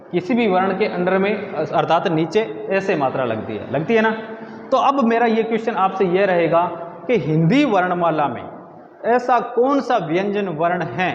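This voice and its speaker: Man, grammar teacher, high-pitched, repeats words slowly, roomy echo. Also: dull audio, a little hiss or hum. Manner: asks students questions and answers them himself, repeats words slowly. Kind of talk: video lesson.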